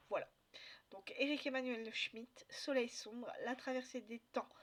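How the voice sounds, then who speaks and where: A woman chatting casually about books she bought, hesitant with many fillers and restarts. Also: a little high. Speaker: book vlogger. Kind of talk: casual book haul chat.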